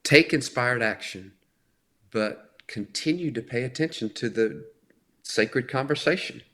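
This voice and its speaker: A middle-aged man giving an earnest, conversational talk on faith, slowing down to stress key words. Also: mid-range voice, animated, pushed and bright. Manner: earnest, emphatic, often slows for stress. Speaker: faith speaker.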